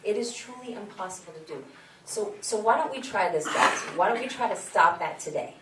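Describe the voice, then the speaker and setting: A woman's voice: mid-range voice, lively intonation, a little fast, distant mic. A woman giving a motivational faith talk to a youth leadership forum, earnest and repetitive in her encouragement. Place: event hall. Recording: echoey hall, mic from afar, background noise.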